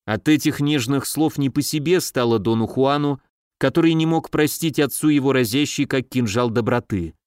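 A man reading classic prose as an audiobook narrator, even and literary. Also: medium pitch, moderate pace, clear, resonant tone, no room sound, studio quality.

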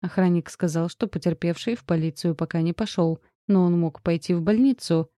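Gruff sardonic cop guy from an audiobook, read by a woman, low dark tone, dry room. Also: a little fast, no room sound, natural voice. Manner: curt, gruff. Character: stern sardonic male police captain.

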